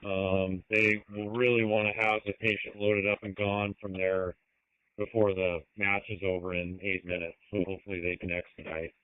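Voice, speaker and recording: Male radio user, lowish, level delivery, dry and phone-thin sound. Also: little pitch movement, moderate pace, smooth, dry recording. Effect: two-way radio. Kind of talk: radio traffic. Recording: narrowband scanner radio, dry.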